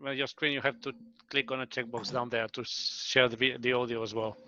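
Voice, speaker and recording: Bright-voiced man helping on a video call. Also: mid-range voice, flat delivery, fairly quick. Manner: helpful, explaining step by step with restarts. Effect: heard over a video call. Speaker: meeting participant giving tech help. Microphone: computer mic on a video call. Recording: dull lo-fi video call audio.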